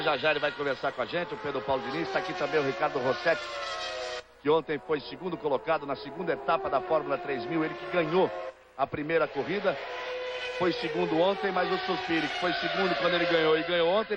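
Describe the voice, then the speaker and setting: A man with a Brazilian accent working as a motorsport commentator, calling a race live. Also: fairly high pitch. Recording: dull lo-fi broadcast, loud engine noise. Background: loud racing cars and trackside noise.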